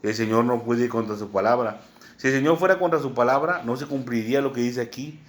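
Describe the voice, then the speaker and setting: A man with a Mexican accent preaching a sermon, teaching slowly and often checking in with "¿verdad?". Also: medium pitch. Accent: Mexican Spanish. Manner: unhurried teaching tone, many "¿verdad?" asides, spells words out.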